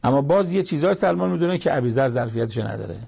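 A man's voice: mid-range voice, expressive, vocal fry, a little mellow, slightly rough. A man giving short verse-by-verse Quran commentary, telling the scripture story plainly with everyday sayings. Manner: plain storytelling with colloquial asides.

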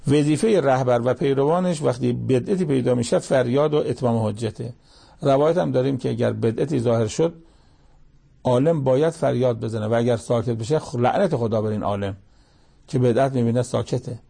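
A male preacher with a gravelly, husky voice delivers a sermon in a mellow, dark tone. He breaks into recited Arabic verses and drives his points home with pointed rhetorical questions. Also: mid-range voice.

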